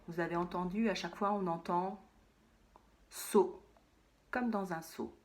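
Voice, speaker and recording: A woman teaching a phonics lesson to young children, saying words slowly and repeating them, sometimes in a whisper. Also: fairly low pitch, steady tone.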